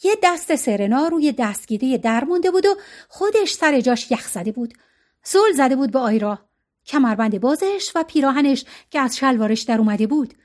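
A woman narrating an audiobook in an expressive, even storytelling voice. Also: high-pitched.

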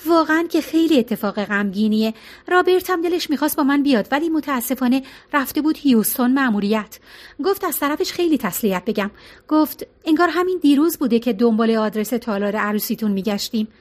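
An affected, elegant older woman pouring out formal sympathy, as a female reader puts her on. Her high voice gushes in this audiobook scene. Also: lightly acted. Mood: gushing. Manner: gushing, formal condolences. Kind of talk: audiobook character reading.

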